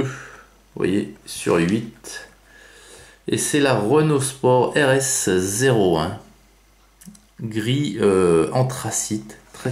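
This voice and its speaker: A man's voice: on the low side, darkish tone, reverberant. A man giving casual unboxing commentary on toy cars, chatty, with many fillers and self-corrections.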